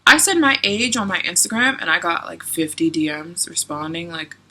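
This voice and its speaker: A woman's voice: on the low side, expressive, normal speed, bright, forceful tone. A woman in her twenties answering viewer questions in a chatty, giggly travel vlog, with lots of "like" and "um". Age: 20s. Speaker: travel vlogger. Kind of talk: casual Q&A vlog.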